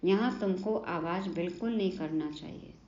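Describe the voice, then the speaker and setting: A woman delivers an earnest devotional sermon in a lowish, mellow voice. She poses questions and answers them herself, nudging listeners with short prompts. The recording is roomy and slightly muffled. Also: moderate pace. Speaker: spiritual teacher explaining a daily lesson.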